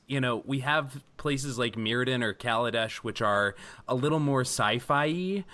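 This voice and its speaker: A man hosting a podcast in casual conversation, steering the talk and tossing questions to his guests. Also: medium pitch. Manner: relaxed, guiding the discussion with questions. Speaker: podcast host.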